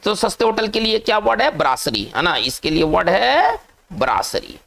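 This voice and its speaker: A man teaching English vocabulary in a classroom-style lecture, repeating words slowly and tagging sentences with questions. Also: high-pitched, wildly swooping pitch, creaky, a bit bright.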